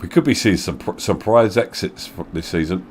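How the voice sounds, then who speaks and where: Brief: low-pitched man, laid-back sim race commentary, faint hiss behind. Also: brisk, a little mellow. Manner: chatty, laughs often, jokey asides. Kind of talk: casual live race commentary.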